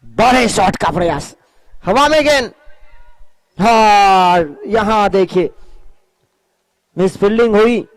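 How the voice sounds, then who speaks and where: A man giving excited live cricket commentary as the commentator, drawing out his calls on the action. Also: high-pitched, slow pace, long pauses, no echo.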